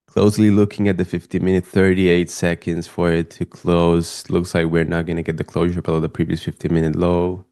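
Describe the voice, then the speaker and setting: A young Spanish-accented man from Spain commentates on live trades for his stream, chatting in a relaxed, excitable manner. His deep voice moves fairly quickly with few pauses.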